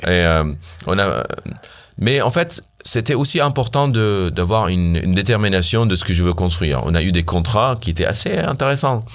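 A man's voice: sits low, expressive, moderate pace. A founder from Syria, telling his story animatedly in an interview, with many fillers and restarts. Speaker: startup founder guest.

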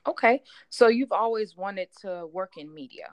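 Lady interviewer w/ average pitch, formal questions, bit halting, dry close sound. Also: animated, no echo.

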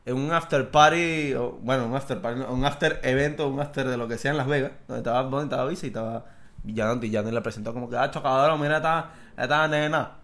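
Brief: man, podcast co-host, quick jokey interjections. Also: mid-range voice, fairly bright tone. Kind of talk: casual chat.

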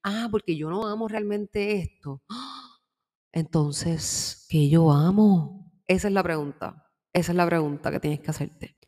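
A woman giving a casual tarot reading, chatty and warm in tone, slipping English words into her talk and laughing easily. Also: on the low side, a little slow, long reverb tail. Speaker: tarot reader. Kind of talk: casual spiritual guidance talk. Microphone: microphone with headphones.

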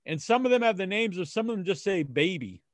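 An American man chatting casually as a podcast co-host, telling things in a rambling, halting way with false starts. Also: high voice, big pitch swings, dry recording. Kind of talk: casual chat.

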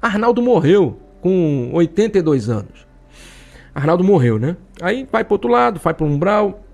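A Brazilian man hosts a talk show in a fairly high voice. He speaks in a chatty, joking way and acts out imagined listeners. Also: sing-song, moderate pace, gravelly, a little mellow, muffled recording. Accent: Brazilian Portuguese. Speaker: radio and web show host. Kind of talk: casual talk show monologue.

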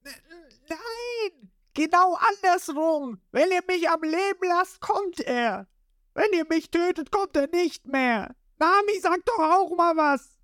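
A woman voicing a boastful, cowardly teenage boy pirate who talks in a shrill, whiny bluster. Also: fairly even intonation, measured pace, no echo, studio quality. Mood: panicky.

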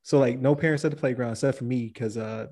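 A man with a mellow, warm voice tells a story at an easy pace. He sounds relaxed and laughs often as he goes. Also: mid-range voice, fast talker. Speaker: podcast co-host. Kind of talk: casual chat.

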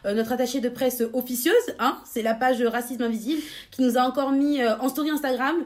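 Young woman co-host, bubbly, quick to laugh, slightly high voice. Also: steady tone. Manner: bubbly, laughs often, many fillers. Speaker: podcast co-host. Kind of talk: casual podcast chat.

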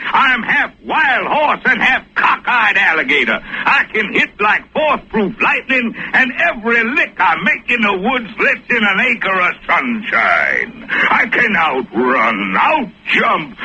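A man's voice: extremely high pitch, sharp tone, husky, muffled recording, heavily acted. An actor playing a boastful, brawling frontier keelboatman who roars tall-tale brags with whoops and rooster crows in 1940s radio acting.

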